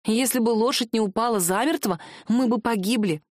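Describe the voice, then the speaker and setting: A woman's voice: a little high, a little fast, darkish tone, no echo, studio quality. A woman reading a story aloud in first person with emotional engagement. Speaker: audiobook reader. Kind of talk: scripted story narration.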